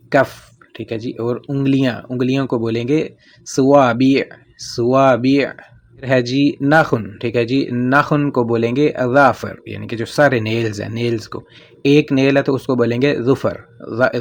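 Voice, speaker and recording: Man, Pakistani accent, casual lesson, patient, repeats every word, medium pitch. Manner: patient, repeats each word, frequent fillers. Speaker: language teacher.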